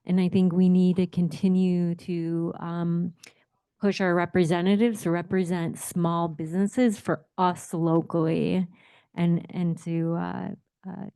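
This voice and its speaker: A woman's voice: on the low side, level tone, unhurried, warm tone, clear, resonant tone, no room sound. A woman from Alaska who owns a small business, speaking shyly and hesitantly on a conference panel. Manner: shy, hesitant, many fillers.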